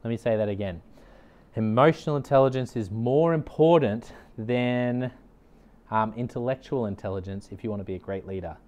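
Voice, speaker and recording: A middle-aged Australian man, a leadership consultant, hosts a leadership podcast and delivers a motivational talk straight to camera. His mid-range voice is a little mellow and moves at a normal speed. He sounds earnest and upbeat, repeating key points for emphasis.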